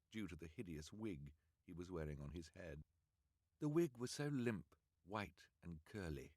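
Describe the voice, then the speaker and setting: Low voiced guy reading a storybook aloud, dry close mic, measured delivery. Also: no echo. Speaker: audiobook reader. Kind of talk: audiobook reading on a livestream.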